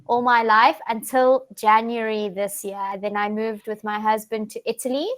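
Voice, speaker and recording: A woman's voice: fairly high pitch, steady tone, fairly bright tone, clear, resonant tone. A young woman from South Africa, an online English tutor, chatting casually on a video call and explaining things with frequent restarts. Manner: friendly, explains slowly with frequent restarts and fillers. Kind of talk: casual online conversation lesson.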